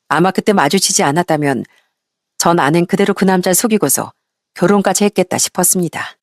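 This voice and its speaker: A woman narrating a first-person story in a steady, even storytelling manner. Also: on the low side, no room sound, studio quality.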